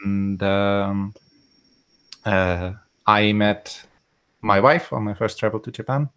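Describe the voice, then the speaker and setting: Hesitant man, low voice. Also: flat delivery, takes it slowly, a bit bright, clear, resonant tone. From Austria. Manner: hesitant, many fillers, dry humor. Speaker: guest. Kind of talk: casual podcast chat.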